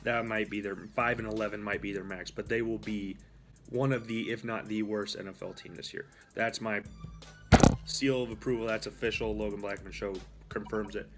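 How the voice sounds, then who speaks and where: A man's voice: lowish voice, little pitch movement, normal speed, music in the background. Young man rambling through sports predictions. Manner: rambling, with fillers and self-corrections. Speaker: host. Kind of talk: casual sports talk monologue.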